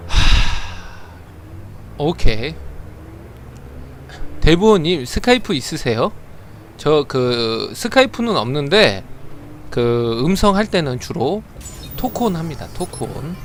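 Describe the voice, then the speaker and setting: A man streams a game with a playful, chatty voice that stammers and repeats itself. He talks high and lively, then bursts into loud flustered shouts. Car and game noise run clearly behind him. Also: slow pace, long pauses. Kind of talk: live game commentary with chat.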